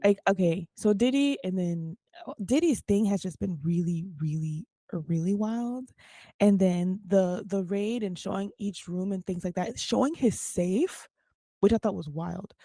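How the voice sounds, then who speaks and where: A woman's voice: mid-range voice, measured pace, dry recording, clean studio sound. A young woman co-hosting a podcast, telling stories with lots of energy and frequent laughs. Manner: animated storyteller, laughs often. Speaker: podcast co-host. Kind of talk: casual chat.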